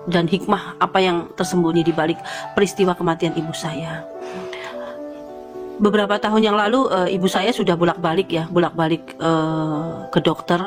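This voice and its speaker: A woman giving a personal testimony as a religious convert, speaking hesitantly with many fillers and repeated phrases. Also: fairly low pitch. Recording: background music under the voice.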